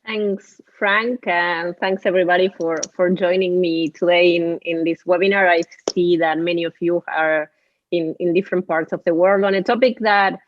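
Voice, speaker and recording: An Argentinian woman, a native Spanish speaker and professor, lectures on a webinar with an Argentinian accent. Her fairly low voice stays fairly even at a normal pace as she speaks earnestly, frequently restarting and repeating words. The recording has no echo but sounds muffled.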